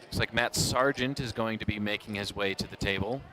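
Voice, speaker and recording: A man giving live poker commentary as a tournament commentator, calling the play in a measured, unhurried way with pauses. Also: fairly low pitch, pushed and bright.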